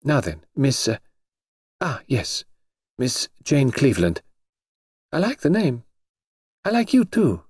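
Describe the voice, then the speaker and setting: A man's voice: mid-range voice, huge pitch swings, darkish tone, husky, dry recording, clean studio sound, pitched above the performer's own voice, heavily acted. A male narrator voicing a cheerful, imperious young grand duchess in an audiobook, bubbly and commanding. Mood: confiding. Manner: bubbly, commanding, quick to stamp her foot. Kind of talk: audiobook character voice.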